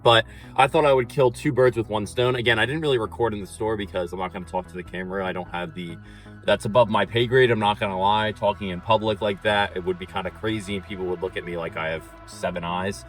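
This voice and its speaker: A man's voice: on the low side, fairly even intonation, quick pace, faint music behind. A young man in college talking casually to the camera as a fitness vlogger, laid-back and rambling with lots of ums and likes. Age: young adult. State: slightly out of breath on a treadmill. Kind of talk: casual vlog chat.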